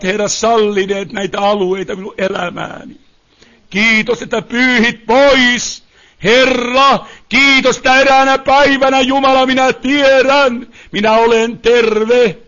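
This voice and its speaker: A man's voice: high-pitched, a bit bright. A man preacher leading a fervent prayer meeting, praying aloud in an impassioned, pleading way with repeated invocations. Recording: dull lo-fi recording.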